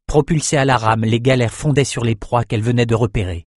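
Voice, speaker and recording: A man reading a fantasy novel aloud in steady, measured scripted narration. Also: medium pitch, no room sound, clean studio sound. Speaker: audiobook narrator.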